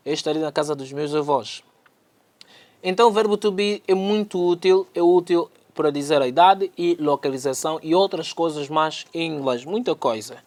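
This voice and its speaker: Male teacher with a high voice. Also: a little mellow. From Angola. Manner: explains slowly, repeats the English phrases and then translates them. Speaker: English teacher. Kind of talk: online English lesson in Portuguese.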